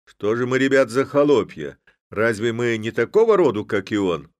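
A man's voice: medium pitch, sing-song, normal speed, darkish tone, no room sound, studio quality, pitched above the performer's own voice, natural voice. A man doing a bold, mocking young Cossack. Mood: rabble-rousing. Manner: mocking, rousing.

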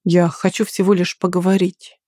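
A woman's voice: fairly low pitch, level tone, normal speed, warm tone, dry recording, studio quality, lightly acted. A woman reading an audiobook and voicing an angry, sarcastic young man who is the heroine's former lover. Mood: weary. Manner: pushy, then weary and sarcastic.

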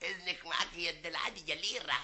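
A man's voice: fairly high pitch, music in the background, natural voice. A man with an Egyptian accent playing a boastful, jealous village man in a comic radio play, bantering and blustering. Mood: cocky bluster. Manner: bantering, jokey, quick to bluster. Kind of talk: vintage radio comedy acting.

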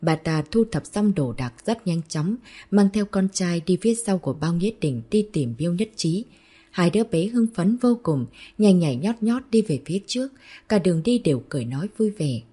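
A woman narrates a novel in a steady, even storytelling manner. Her voice is low and mellow. It has a noticeably husky, breathy grain. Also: brisk. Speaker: audiobook narrator.

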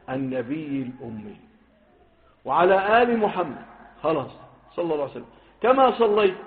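A man with an Egyptian Arabic accent teaching a hadith lesson, stressing the quoted wordings and putting questions to his students. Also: high-pitched. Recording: phone-like lo-fi recording.

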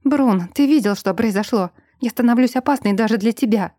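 A woman's voice: on the high side, a little fast, mellow, no echo, clean studio sound, close to an everyday voice. A woman voicing an agitated young vampire woman who fears losing control, read in an audiobook. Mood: distraught. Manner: agitated, indignant. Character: young woman vampire, frightened of herself, fiery.

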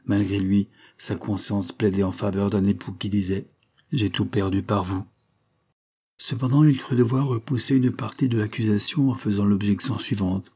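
A man narrating a historical novella in a steady literary reading. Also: lowish voice, moderate pace, few pauses.

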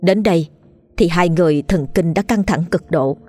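A woman reading a ghost story aloud in a steady storytelling voice. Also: fairly low pitch, moderate pace. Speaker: narrator. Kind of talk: scripted ghost story narration. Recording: faint background music.

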